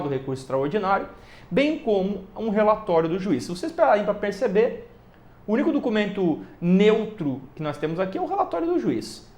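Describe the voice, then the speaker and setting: A man with a Brazilian Portuguese accent giving a recorded law lecture, explaining trial procedure and recounting a case, tagging his points with quick checks like "né" and "tá". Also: sits high, darkish tone, echoey room.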